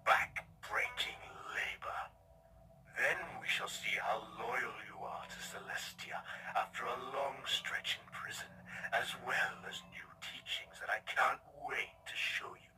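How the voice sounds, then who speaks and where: A man voicing a sinister exiled unicorn king, breathy and whispery, taunting slowly and theatrically in a fan comic dub. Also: mid-range voice, natural voice. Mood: gloating menace. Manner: menacing, slow theatrical taunting. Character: sinister exiled unicorn tyrant king, patient, seductive, vengeful. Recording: distant voice under loud music.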